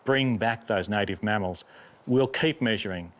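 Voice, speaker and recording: A man giving measured explanations in an interview as a conservation spokesman, rephrasing as he goes. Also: on the low side.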